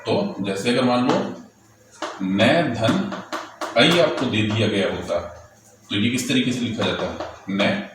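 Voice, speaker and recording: A man with a low voice teaches a lesson on writing letters and vowel signs, moving patiently from one step to the next. He often asks a question and answers it himself. The sound is very echoey, with the mic some distance away and faint noise behind him. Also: animated, slow pace, long pauses. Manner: patient explaining, poses and answers his own questions.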